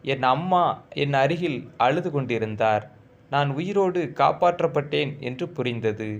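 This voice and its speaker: A man's voice: mid-range voice, expressive, a little slow, gravelly, dull audio. A man narrating a first-person story in a solemn, emotional reading.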